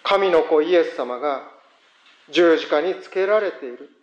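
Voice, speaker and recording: High-voiced man preaching in an echoey church. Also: measured pace, lo-fi sound. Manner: earnest, reflective preaching. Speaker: pastor. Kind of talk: prayer and sermon.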